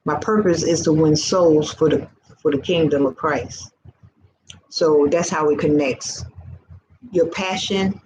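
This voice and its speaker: Her low voice is a little mellow as this faith vlogger in her early sixties delivers fervent, repetitive exhortation in a preacher-like way. The informal vlog has lo-fi sound and a noisy hiss underneath.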